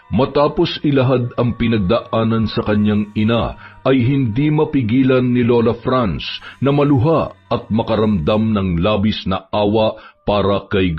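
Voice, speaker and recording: A man narrating a horror story in a steady, measured, scripted reading. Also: fairly low pitch, slightly rough. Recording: dull lo-fi with background music.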